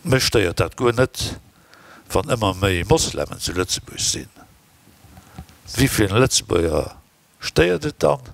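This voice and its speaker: Gravelly low-voiced man at a conference. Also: very animated, a little slow, long pauses. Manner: opinionated, conversational. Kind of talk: conference discussion. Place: conference hall.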